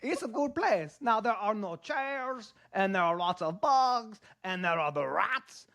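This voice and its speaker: A man voicing a greedy, easily offended male puppet chef, talking in a deadpan, childlike way in a comic podcast bit. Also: high-pitched, unhurried, no room sound, clean studio sound, full character voice.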